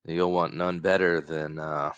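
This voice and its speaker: A man voicing a loud, excitable rustic farmer with a rural Southern American accent, folksy and friendly. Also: extremely low pitch, measured pace, smooth, highs cut off. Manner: hollering, then folksy and friendly.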